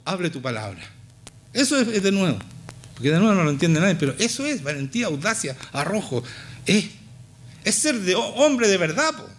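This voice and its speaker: Impassioned Chilean pastor preaching. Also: male voice. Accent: Chilean Spanish. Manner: impassioned, swings from low to high, emphatic repetitions. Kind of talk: sermon. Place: church.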